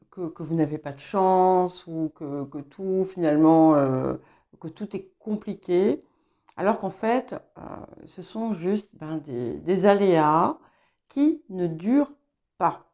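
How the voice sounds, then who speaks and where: A woman giving a spoken tarot reading, hesitant and filling pauses as she talks. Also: fairly low pitch, lively intonation, mellow, highs cut off. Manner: hesitant, many fillers and restarts. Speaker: tarot reader. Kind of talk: casual spoken tarot guidance.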